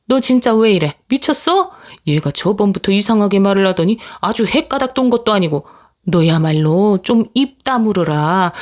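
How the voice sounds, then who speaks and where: A woman's voice: medium pitch, a little mellow, close to an everyday voice. A woman voicing a bossy older mother-in-law who scolds in an exasperated, old-fashioned way.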